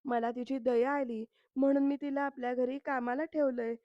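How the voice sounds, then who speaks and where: A woman's voice: high-pitched, little pitch movement, moderate pace, dry recording, lo-fi sound, natural voice. A woman voicing a scheming, bossy middle-aged aunt who talks in a scolding, accusing way. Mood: hushed scheming.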